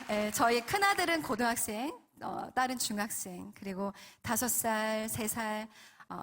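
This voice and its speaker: A woman's voice: a little high, a bit bright, slight background noise. A woman in her forties giving an earnest testimony sermon at a prayer meeting, often asking the audience questions. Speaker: guest speaker at a prayer meeting.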